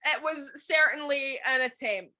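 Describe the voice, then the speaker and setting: A woman's voice: sits high, pushed and bright. A Scottish woman co-hosting a podcast, chatting casually and emphatically, with frequent swearing and filler words. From Scotland. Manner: swears freely, quick emphatic asides with many "like" fillers. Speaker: podcast co-host. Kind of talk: casual chat.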